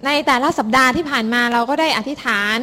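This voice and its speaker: A woman interpreting a sermon into Thai for the congregation, rendering it lively and expressively. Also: sits high, fast. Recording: hall reverb.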